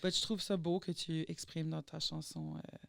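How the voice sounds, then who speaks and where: A woman hosts a podcast in relaxed, casual conversation, slipping English words into her French. Her voice sits on the low side. The sound is close and dry, with no room around it. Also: moderate pace, vocal fry, dry recording. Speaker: podcast host. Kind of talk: casual chat.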